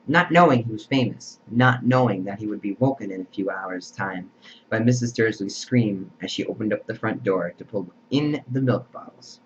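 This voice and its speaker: A man's voice: mid-range voice, a little hiss or hum. A man reading a novel aloud, with a plain delivery that stumbles and restarts, on a dull lo-fi recording. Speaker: amateur reader.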